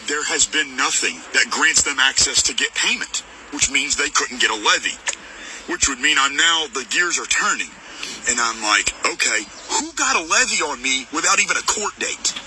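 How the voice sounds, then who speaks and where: A man's voice: on the high side, bright, forceful tone. A man angrily venting in a self-recorded video, indignant and agitated, his voice cracking with upset. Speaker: farm owner venting in a video. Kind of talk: angry venting monologue. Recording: phone recording with noisy background.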